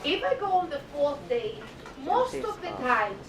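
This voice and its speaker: A woman's voice: big pitch swings, measured pace. A woman with a Greek accent gives a live cooking demonstration to an audience, playful and emphatic, repeating words and asking questions. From Greece. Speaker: cooking demonstrator on a cruise ship. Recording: echoey room, distant mic, noisy rumble.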